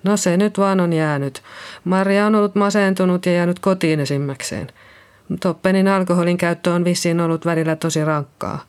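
A nervous middle-aged nurse talks in a hesitant, trembling way, as an audiobook reader puts her on. Her voice sits higher than the narration and quivers a little. She sounds anxious and unsettled. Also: steady tone, a little mellow, smooth, close to an everyday voice. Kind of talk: audiobook reading.

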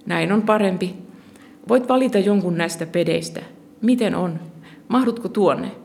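A reader voicing a matter-of-fact female nurse who gives curt, businesslike instructions in a gravelly voice. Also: mid-range voice, darkish tone, slight background noise, close to an everyday voice. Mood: coaxing.

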